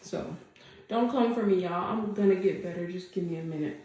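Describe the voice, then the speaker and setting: A woman's voice: fairly low pitch, normal speed, warm tone. A woman vlogger with a congested, stuffy nose, chatting casually to camera at home in a rambling way with lots of fillers. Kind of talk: casual update chat. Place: home room. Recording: very echoey room.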